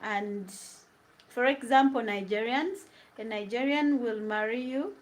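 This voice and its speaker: Speaking at a measured pace in a fairly high voice, this young Ugandan-accented vlogger chats while she cooks at home. She reads viewers' questions from the live comments and answers them, laughing often and wandering between English and Luganda, all from her kitchen.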